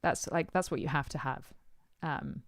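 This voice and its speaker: A woman's voice: sits low, fairly even intonation, normal speed, creaky, no echo, studio quality. A woman musician answering her supporters' questions in casual chat, thoughtful and hesitant with many ums and uhs.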